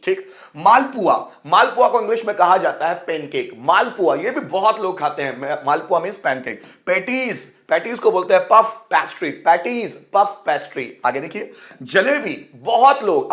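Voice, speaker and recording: A man teaching English food words in a bilingual lesson, repeating each term with a quiz-style question and spelling words out letter by letter. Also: high-pitched. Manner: addresses viewers as friends and brother.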